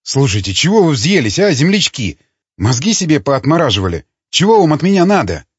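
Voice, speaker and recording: A man voicing a defensive, argumentative community loyalist with a husky voice. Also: on the high side, sing-song, a little fast, no room sound. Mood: exasperated. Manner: hectoring, argumentative. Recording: dull lo-fi recording.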